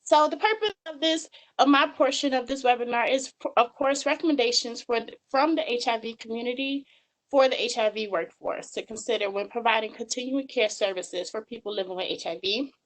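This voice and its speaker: A woman in her twenties from Georgia, in the US, presents a webinar over slides, sounding earnest and using plenty of filler ums. Her voice is on the high side and fairly quick, and the recording is rough.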